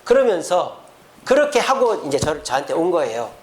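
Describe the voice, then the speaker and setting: A man's voice: a little high, big pitch swings, moderate pace. A man preaching a sermon as pastor, telling a story with acted quotes in a church. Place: church sanctuary.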